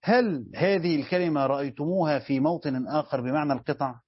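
A man's voice: on the high side, quick pace, husky, dry recording. A man with an Egyptian accent teaching Quran commentary as a sheikh, quizzing his students and repeating key phrases. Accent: Egyptian Arabic. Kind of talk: classroom lesson with questions to students. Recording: dull lo-fi recording.

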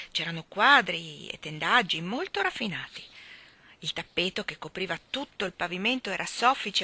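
A woman reading a classic novel aloud in a calm, even storytelling voice. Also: lowish voice.

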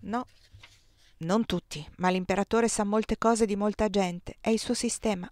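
A woman narrator voicing a calm, sober marshal who is a father, in a novel read aloud. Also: mid-range voice, a little slow, dry recording, studio quality, lightly acted. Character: calm, grave adult man, a marshal and father.

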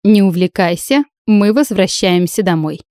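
A woman's voice: mid-range voice, lively intonation, a little slow, mellow, no room sound, clean studio sound, natural voice. A woman playing a scoffing, bossy witch. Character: sharp-tongued middle-aged witch, bossy.

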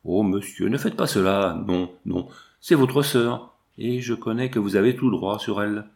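A man's voice: on the low side, moderate pace, creaky, darkish tone. A man voicing a jealous young male hunter, speaking earnestly and urgently. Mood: pleading.

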